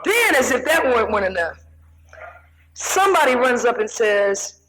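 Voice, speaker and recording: An older woman delivers a sermon in a high, bright-pitched voice. She tells stories with lively animation, swinging into excited acted-out shouts between quieter, earnest stretches. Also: moderate pace, a little hiss or hum, poor audio. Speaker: minister.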